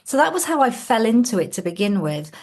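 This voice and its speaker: A woman's voice: on the high side, sing-song, quick pace. A woman from Wales, a sales coach, telling her story as a guest on a video call in a reflective way. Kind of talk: casual interview on a call.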